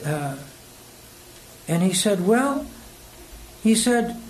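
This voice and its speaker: In a high, sing-song, slightly mellow voice that draws out its words, an older American man preaches conversationally, rambling and hesitant as he recounts personal stories and chuckles between phrases. The recording is rough, with noticeable background noise.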